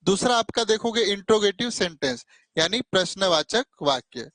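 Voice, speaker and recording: A man's voice: high voice, expressive, moderate pace, a bit bright, no room sound. A male teacher giving a classroom grammar lesson, keeping his students engaged with frequent short tag questions and calling them "beta" affectionately. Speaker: English teacher.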